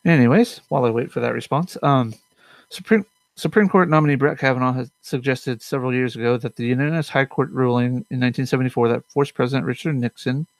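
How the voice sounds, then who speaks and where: Young male host, gravelly, dry close sound, casual rambling political commentary from his home desk. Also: mid-range voice, no echo. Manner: rambling, many fillers and self-corrections; mutters to himself.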